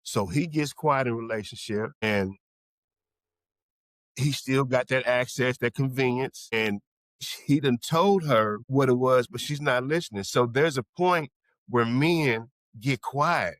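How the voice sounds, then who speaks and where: A man's voice: medium pitch, unhurried, no echo. A male podcast co-host talks. He restarts phrases and repeats words while he thinks it through. The sound is dry and close. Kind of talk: casual group discussion.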